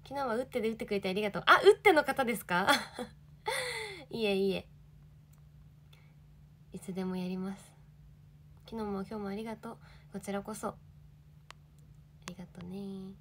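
A woman's voice: mid-range voice, fairly even intonation, moderate pace, long pauses, a little mellow, a little hiss or hum. A young woman in her twenties, an idol livestreaming, chatting casually and reading viewer comments with giggly, bubbly energy.

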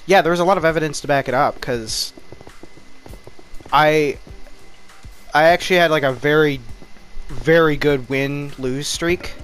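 A man's voice: on the high side, unhurried, pauses often, a bit bright, smooth, soft background music. A man giving casual commentary over his own gameplay, rambling and mocking himself, jittery from too much caffeine. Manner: rambling, self-mocking talk. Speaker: gaming YouTuber.

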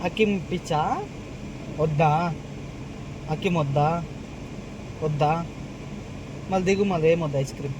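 A young woman talking gently to her small child in a casual home video, coaxing and repeating herself. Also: low-pitched, normal speed, long pauses, dull audio. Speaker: mother talking to her toddler. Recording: outdoor street noise with traffic.

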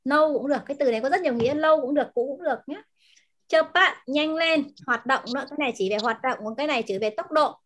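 A woman teacher in an online class, patiently explaining words and pronunciation and repeating them slowly over a video call. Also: high voice, a bit bright. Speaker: language teacher.

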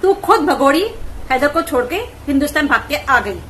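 A woman vlogger giving mocking, scolding commentary on clips in rapid rants. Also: high voice, lively intonation, a bit bright, a little hiss or hum, poor audio.

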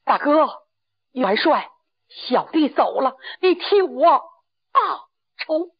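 A loyal male warrior of old China acted out by a woman storyteller, gravelly and dramatic. He declaims in a traditional battle tale, with big pitch swings, on a dull lo-fi recording. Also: sing-song, slow, exaggerated voice. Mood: solemn, resolute. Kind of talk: storytelling character acting.

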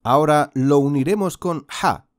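A man teaching recitation in a slow, patient lesson, stretching out sounds for the listener to repeat. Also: a little high, no echo, studio quality. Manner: patient, drawn-out demonstration of sounds. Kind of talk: slow instructional lesson with repeat-after-me drills.

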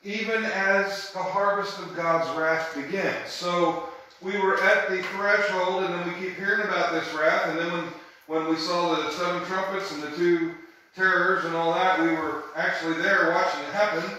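A man's voice: high voice, steady tone, normal speed, sharp tone, heavy reverb, poor audio. A man leading a Bible study in a church room, teaching conversationally and emphatically and often checking in with his group.

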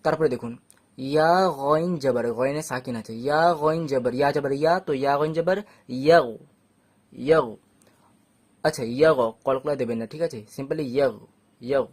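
A man teaching a step-by-step recitation lesson, patiently repeating each rule and sounding out letters slowly for his students. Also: mid-range voice, darkish tone.

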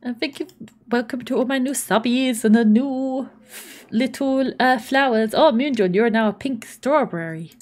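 A woman's voice: on the high side, moderate pace, darkish tone. A woman streaming a life-simulation game, chatting casually and gushing thanks to her viewers. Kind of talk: casual gameplay live stream chat.

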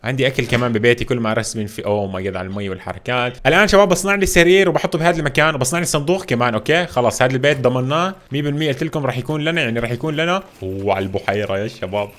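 Fast-talking excitable gamer man. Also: mid-range voice. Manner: excitable, exclaims often, drops English gaming slang. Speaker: gaming YouTuber playing a survival role-play game. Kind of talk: live gameplay commentary. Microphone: home gaming mic that a friend says sounds off.

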